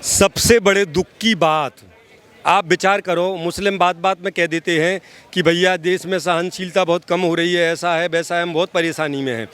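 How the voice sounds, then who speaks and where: The man's voice sits high, clear and resonant, fairly bright and steady at a normal pace. As a social activist in an interview, he offers impassioned, opinionated political commentary, hammering phrases through repetition and speaking straight to the listener.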